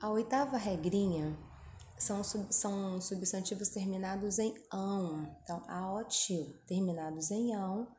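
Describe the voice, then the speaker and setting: A woman teacher giving a video grammar lesson to children, patient and slowing down over each example word while often checking that they follow. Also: medium pitch, warm tone, slight background noise. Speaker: primary school teacher. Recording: echoey room with faint ambience.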